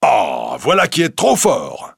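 Excitable investigating judge, loud exclaiming voice, performed by a man, dry sound. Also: on the high side, unhurried, dry recording, voice pushed up. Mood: indignant. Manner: exclaiming, raised voice. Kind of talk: audiobook character reading.

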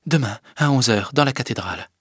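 A man's voice: mid-range voice, lively intonation, brisk, a bit bright, husky, no echo, studio quality. A man voicing Emma, a torn, hesitant wife. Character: weary, torn provincial married woman. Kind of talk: audiobook reading.

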